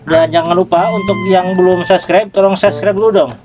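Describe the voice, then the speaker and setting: Playful higher-voiced man with background music. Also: fairly even intonation, moderate pace. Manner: playful, repeats himself, stumbles over words. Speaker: vlog host. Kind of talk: casual outdoor cooking vlog chat.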